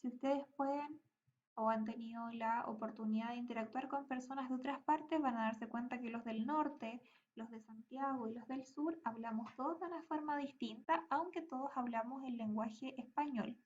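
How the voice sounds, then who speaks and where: A woman's voice: a little high, normal speed, darkish tone, lo-fi sound. A woman teacher with a Chilean accent gives a recorded class, explaining step by step and often checking in with the students. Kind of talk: recorded class lesson reading slides.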